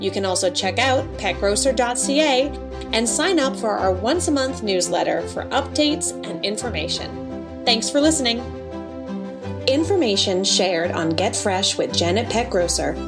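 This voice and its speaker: A woman's voice: mid-range voice, animated, moderate pace. Woman reading a scripted podcast disclaimer over music. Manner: formal, scripted announcer reading. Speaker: podcast co-host.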